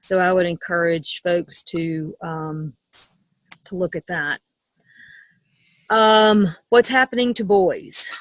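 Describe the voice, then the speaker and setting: A woman's voice: fairly low pitch, slow, pauses often, no echo, rough recording. A middle-aged woman speaking as a sex educator in an interview, frank and matter-of-fact, with frequent ums. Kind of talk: interview conversation.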